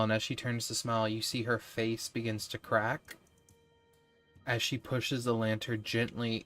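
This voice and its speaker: A man's voice: fairly low pitch, fairly bright tone. Easygoing male game master narrating.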